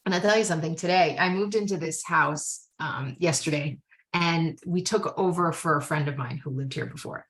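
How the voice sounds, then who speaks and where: A woman with a low-pitched voice speaks candidly at a recovery meeting. She tells her story with lively, quick asides and plain, frank wording. She sounds like an adult with a family. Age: adult, married with kids.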